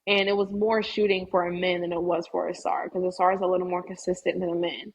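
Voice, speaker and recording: A woman's voice: fairly low pitch, level tone, fast, slightly rough, highs cut off. A young woman chatting as a podcast guest, opinionated and chatty with many "like"s. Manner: chatty, opinionated, uses "like" often. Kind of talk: casual chat.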